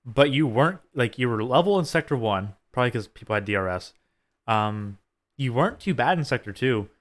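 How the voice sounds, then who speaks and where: A man working as a race engineer, chatting through a post-race debrief in a halting, think-aloud way. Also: mid-range voice, animated.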